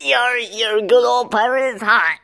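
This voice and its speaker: A woman's voice: fairly high pitch, a little slow, vocal fry, sharp tone, pitched above the performer's own voice, heavily acted. A woman voicing a boastful, rowdy male pirate in a plush toy skit, punctuating lines with growly exclamations.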